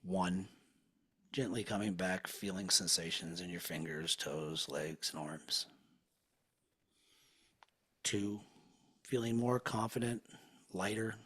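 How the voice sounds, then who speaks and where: A man leading a guided hypnosis session in a slow, soothing, hushed manner. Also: low-pitched, husky.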